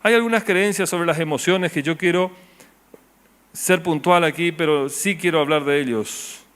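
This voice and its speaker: Male pastor, Rioplatense accent, sermon delivery; higher-pitched, drops to soft low tones for emphasis. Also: normal speed, smooth. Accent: Rioplatense Spanish. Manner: rhetorical questions to the congregation, voice dropping low and soft on key words.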